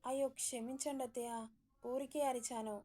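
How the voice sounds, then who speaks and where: A woman's voice: high-pitched, fairly even intonation, moderate pace. A woman voicing a timid, anxious young bride who speaks meekly and hesitantly. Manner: meek, hesitant, soft-spoken.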